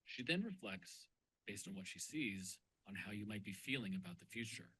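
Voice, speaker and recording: A man narrating a promotional video in a smooth, explanatory voice-over. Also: fairly low pitch, lively intonation, moderate pace, bright, forceful tone, a little hiss or hum, rough recording.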